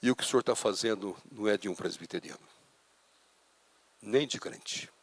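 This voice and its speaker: Gravelly Brazilian pastor preaching. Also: male voice, normal speed, dry recording. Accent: Brazilian Portuguese. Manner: dramatic storytelling, rising loud and high when acting out scenes. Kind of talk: sermon.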